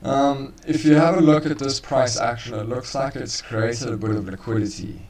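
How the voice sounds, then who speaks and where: Male trading co-host, relaxed live-stream delivery, mid-pitch, distant roomy mic. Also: moderate pace. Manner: casual, laid-back, calls listeners bro. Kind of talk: live stream chart analysis.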